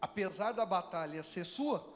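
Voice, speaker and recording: A man's voice: high voice, animated, measured pace, in a large hall, soft background music. A man preaching as pastor, building intensity and asking the congregation questions. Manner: preaching with rising intensity, mocking voices in quotes. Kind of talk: sermon.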